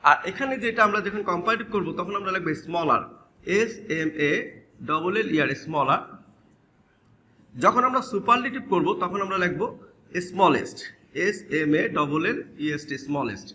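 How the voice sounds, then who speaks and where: A male teacher with a high voice runs through a grammar lesson at a rapid clip. He spells words out letter by letter and keeps turning to his students to ask for their attention. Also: fairly bright tone. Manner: spells words letter by letter and repeats key terms; addresses students directly, prompting attention. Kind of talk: classroom-style grammar lesson.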